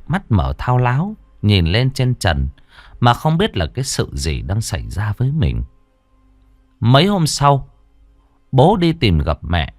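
A man narrating a ghost story in a dramatic, expressive way. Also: medium pitch, dry recording.

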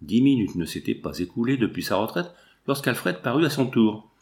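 Reading a classic novel aloud, this male audiobook narrator uses a medium-pitched voice and a steady, measured storytelling style.

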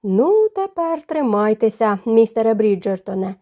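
A woman voicing a sturdy, gruff older man in an audiobook, speaking bluntly. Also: a little high, big pitch swings, moderate pace, muffled recording.

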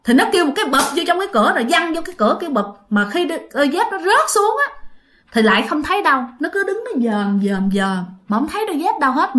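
Brief: high-voiced Southern Vietnamese woman, lively chatty ghost-story teller who talks right to the listeners. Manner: chatty, repeats phrases, keeps addressing listeners. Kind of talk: casual ghost story narration.

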